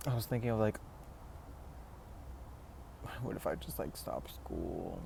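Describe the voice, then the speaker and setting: Young man, 20s, casual vlog monologue, fry in the voice, noisy room tone. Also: fairly low pitch, big pitch swings, unhurried. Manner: rambling, full of "like" and "you know", restarts. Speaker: vlogger. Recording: noisy background ambience.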